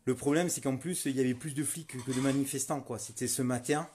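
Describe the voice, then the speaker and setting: A man's voice: medium pitch, steady tone, brisk, a little hiss or hum. A middle-aged man, a volunteer street medic, telling what happened to him in a heated, repetitive first-person testimony. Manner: starts subdued, grows loud and furious, repeats himself.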